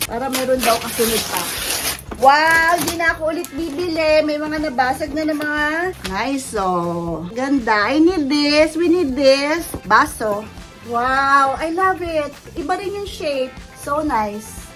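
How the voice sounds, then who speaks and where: With faint music in the background, a middle-aged vlogger with a Filipino accent opens gifts and chats warmly, mixing English with Tagalog and thanking whoever gave them. Her voice is high, expressive, and fairly bright, and she takes her time.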